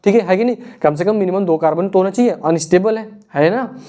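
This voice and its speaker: A man's voice: high-pitched, fast talker, warm tone. A young man teaching a casual exam revision lesson, chatty, playing out imagined student questions and answers himself.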